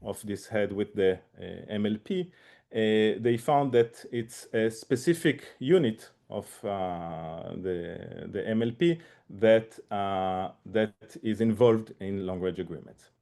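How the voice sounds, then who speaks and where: A man presenting a research seminar, speaking haltingly with many fillers and restarts. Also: on the low side, creaky, mellow. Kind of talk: academic seminar talk.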